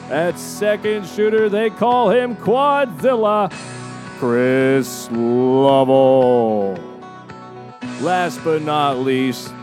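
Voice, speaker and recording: Ringmaster-style sports announcer: grandiose, drawn-out, hyped podcast intro delivery, music underneath. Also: male voice, a little high. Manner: grandiose, drawn-out words, rising shouts on names.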